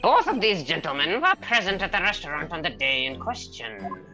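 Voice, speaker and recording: A woman's voice: sits low, very animated, moderate pace. A woman doing a gloating male prosecutor. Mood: formal. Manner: gloating, menacing. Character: smug scheming male prosecutor. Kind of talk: fan voiceover of a game. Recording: game music behind. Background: game music.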